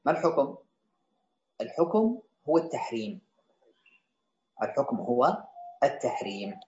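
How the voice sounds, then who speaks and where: Unhurried but very animated, a man with a mid-range, darkish voice teaches Islamic jurisprudence. He reads each line of a classical legal text and then restates and explains it for his students, recorded with a roomy, slightly dull sound.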